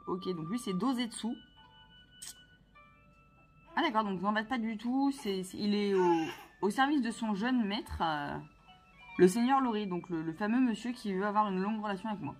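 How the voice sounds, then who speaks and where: A woman's voice: medium pitch, expressive, normal speed, darkish tone, soft background music. A woman chatting casually to her viewers as she plays a video game, playful and talkative. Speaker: vlogger playing a video game. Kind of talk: casual gameplay commentary.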